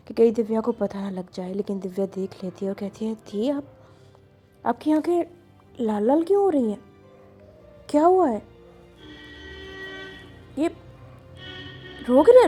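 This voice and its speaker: A woman voicing an excitable, cheeky young woman who talks in a lively, teasing way with loud exclamations, in a storybook reading. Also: mid-range voice, a little fast, faint music behind, lightly acted. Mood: worried.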